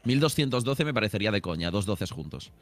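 A man, reasoning out loud and swearing casually while playing a quiz game with friends. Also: fairly low pitch, expressive, quick pace. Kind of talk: casual group banter.

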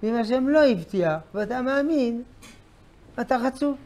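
A man's voice: extremely high pitch, animated, darkish tone. An older man, a rabbi, giving an emphatic Torah lesson, repeating key phrases and asking rhetorical questions.

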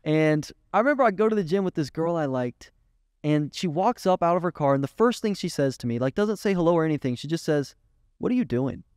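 Young male guest, lively storyteller, casual and profane, dry close sound. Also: fairly high pitch, quick pace, clean tone, no room sound. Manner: animated, swearing, quoting others in dialogue. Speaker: guest, agency owner.

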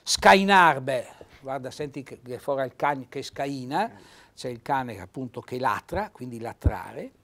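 A man's voice: mid-range voice, expressive, unhurried. A man in his sixties with a Trentino accent, reading out Italian dialect phrases and explaining them as an informal lesson in a studio. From Trentino, Italy. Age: 60s. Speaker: host and dialect teacher. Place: small TV studio. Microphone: lapel mic.

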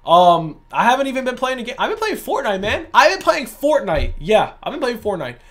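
A man's voice: very high voice, wildly swooping pitch, a little fast, a bit bright. A man hosting a gaming video, ranting heatedly and emphatically, repeating his points. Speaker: gaming YouTuber.

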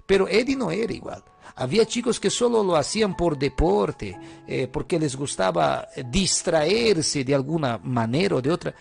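Male storyteller, high gravelly voice, hesitant and full of fillers, faint music under. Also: animated, normal speed. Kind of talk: first-person story narration.

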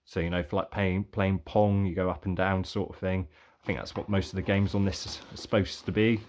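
Casual male vlogger, low-pitched, relaxed rambling delivery. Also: brisk, a little hiss or hum. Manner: relaxed, rambling, thinking aloud. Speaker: vlogger reviewing car boot sale finds. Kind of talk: casual show-and-tell.

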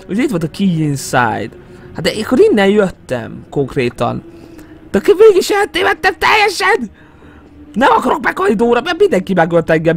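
Jumpy high-voiced man playing a horror game. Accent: Hungarian. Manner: jumpy, excitable, yelps and mutters to himself. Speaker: gaming YouTuber. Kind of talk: horror game let's play commentary. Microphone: headset. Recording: faint game music behind.

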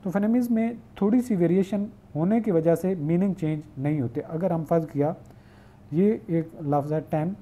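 In an online lecture, a male teacher with a fairly high pitch slowly reads out English definitions and explains them in depth. He poses questions and answers them himself, and the sound is phone-quality.

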